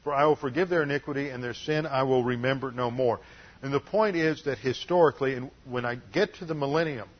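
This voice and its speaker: A man teaching an expository sermon in an earnest, emphatic way, often pausing with uh. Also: medium pitch, slightly rough. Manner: earnest, emphatic, with frequent uh pauses. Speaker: Bible teacher. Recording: dull lo-fi recording.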